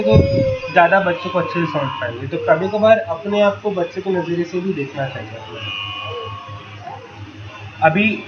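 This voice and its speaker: A man running a parenting workshop, explaining patiently in a casual tone and asking the group rhetorical questions. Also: sits high. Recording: dull lo-fi with loud ambient noise.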